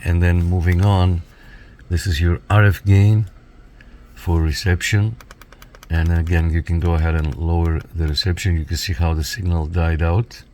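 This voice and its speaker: A radio reviewer with a low, mellow voice casually shows viewers how a piece of equipment works, step by step. A little hiss or hum can be heard in the recording.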